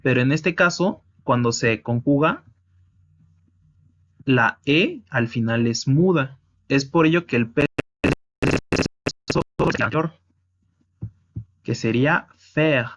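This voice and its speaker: Slow-talking man teaching French grammar. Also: medium pitch, lively intonation, a bit bright. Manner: slow, explanatory, with restarts. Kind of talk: slide-based language lesson. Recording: dull lo-fi audio.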